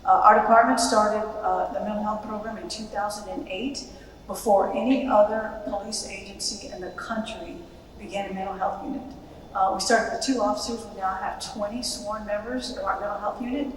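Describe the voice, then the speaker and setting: A woman's voice: mid-range voice, steady tone, brisk. An American woman speaking as a police official, giving a public presentation to an audience. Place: large reverberant event room. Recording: very echoey hall, distant, faint noise.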